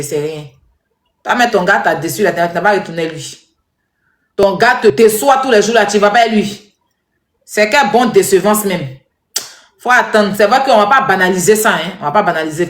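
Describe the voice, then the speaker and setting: Animated scolding woman in an echoey room. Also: medium pitch. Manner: animated, scolding, repetitive, addresses viewers directly. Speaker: social media commentator. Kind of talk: casual commentary to viewers.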